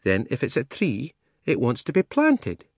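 A man voicing a gentle, sensible female elephant in a storybook reading, mild and thoughtful. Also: mid-range voice, wildly swooping pitch, measured pace, husky, dry recording, clean studio sound, voice pushed up, full character voice.

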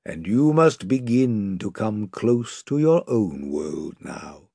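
A man voicing a huge, wise and gentle male lion who speaks softly and gravely. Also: on the low side, sing-song, slow pace, no room sound, studio quality, voice pushed down, heavily acted. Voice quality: soft, hushed, grave.

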